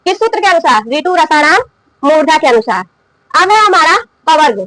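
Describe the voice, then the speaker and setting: A woman's voice: high voice, very animated, moderate pace, pushed and bright, no echo, low-quality recording. A woman teaching a grammar lesson, asking questions aloud and answering them herself, repeating key terms. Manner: coughs now and then. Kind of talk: classroom lesson explaining and drilling.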